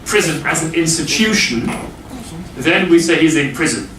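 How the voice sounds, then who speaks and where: A man teaching English grammar to a class, explaining slowly with many pauses and fillers. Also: a little high, expressive, crowd noise. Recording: echoey classroom from far off.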